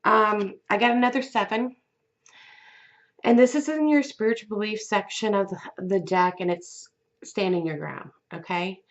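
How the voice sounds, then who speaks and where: A woman giving a weekly tarot reading in a gentle, unhurried way, with fillers and restarts. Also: mid-range voice, highs cut off. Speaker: tarot reader.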